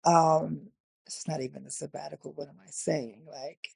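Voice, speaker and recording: A woman from Newark, New Jersey tells her story with a gravelly, fry-tinged voice. She pauses and fills gaps as she thinks. The recording is dry and close. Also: deep voice, steady tone, darkish tone, no echo. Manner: reflective, halting, with frequent fillers. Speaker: interview guest. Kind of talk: candid personal storytelling.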